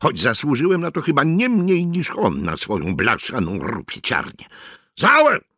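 Mężczyzna czyta, grając zgorzkniałego, pogardliwego sierżanta, który burczy pod nosem i wykrzykuje rozkazy. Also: male voice, medium pitch, sing-song, normal speed, a bit bright, no echo, clean studio sound, voice pushed up. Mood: sneering. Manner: grumbling, scornful. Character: bitter resentful male sergeant, sneering.

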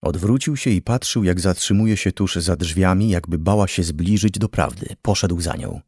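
Deep-voiced male audiobook narrator. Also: moderate pace, a little mellow, slightly rough, no echo, studio quality. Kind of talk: scripted narration.

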